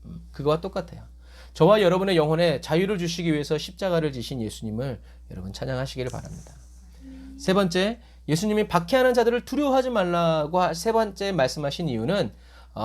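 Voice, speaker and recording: A man preaching a sermon as a pastor. He asks the congregation questions and answers them himself, and he acts out quoted lines with jumps in his voice. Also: darkish tone. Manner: acts out quoted voices with sudden rises in pitch.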